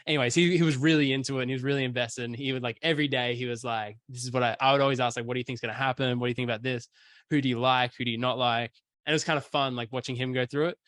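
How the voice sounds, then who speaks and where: A man's voice: mid-range voice, rapid-fire, no echo. A young man, hosting a casual podcast chat and telling stories with acted-out quotes. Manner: animated storyteller, acts out quotes. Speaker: podcast host.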